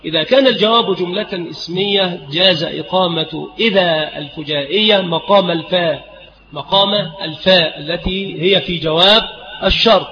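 A man teaching an Arabic grammar lesson, dictating slowly and deliberately and repeating each phrase. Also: high-pitched, background noise. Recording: echoey, dull lo-fi recording.

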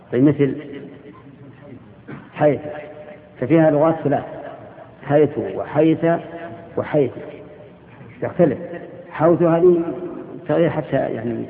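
A man leads a grammar class, slowly and deliberately quizzing his students. His voice sits at an ordinary middle pitch. The audio is thin and phone-like, with a long reverberant tail. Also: vocal fry, a little hiss or hum. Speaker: grammar teacher. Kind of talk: classroom lesson with questions to students. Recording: tinny lo-fi audio in a reverberant hall.

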